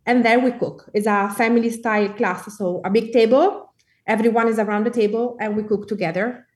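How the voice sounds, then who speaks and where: A woman with an Italian accent talking as an interview guest, relaxed and friendly with easy laughs. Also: fairly high pitch, a little fast, distant mic. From Italy. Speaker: guest cookbook author. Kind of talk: casual interview chat.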